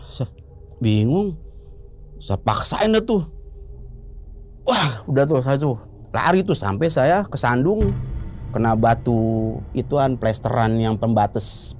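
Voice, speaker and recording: A man telling a ghost story in a chatty, excitable way, full of little fillers. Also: mid-range voice. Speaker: guest storyteller. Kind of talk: casual spoken ghost story.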